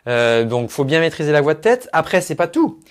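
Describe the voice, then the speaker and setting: A man's voice: on the high side, big pitch swings, fairly quick. Chatty French vocal coach, man. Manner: chatty and explanatory, uses singing jargon. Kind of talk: casual spoken analysis of a singer. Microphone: own microphone at a computer.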